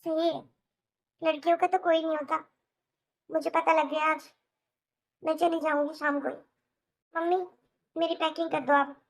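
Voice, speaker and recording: A woman's voice: sits high, flat delivery, normal speed, long pauses. A woman voicing a sulky young married sister in a cartoon, complaining in an aggrieved way with a Hindi accent. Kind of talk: cartoon voice acting.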